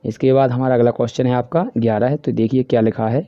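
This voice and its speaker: A man with a Hindi accent goes through a school worksheet, explaining each answer and reading the English questions out slowly. His voice is very dark and mellow, at a middle pitch for a man. The recording is a dry, close voice-over with a slightly dull, lo-fi sound. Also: steady tone, dry recording. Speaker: teacher.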